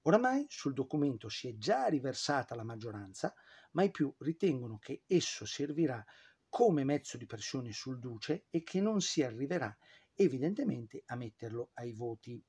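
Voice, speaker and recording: Husky man telling history with sarcasm. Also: mid-range voice, big pitch swings, moderate pace, a little mellow. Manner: chatty, with frequent fillers and sarcastic asides. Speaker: history presenter. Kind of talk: informal history storytelling.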